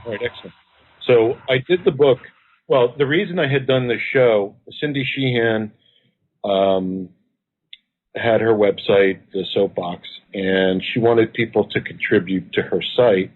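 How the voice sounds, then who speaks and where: An activist and researcher, interviewed as a guest by phone, explains things at length and earnestly. He speaks in a fairly low voice at a slightly slow pace, and the phone line sounds tinny.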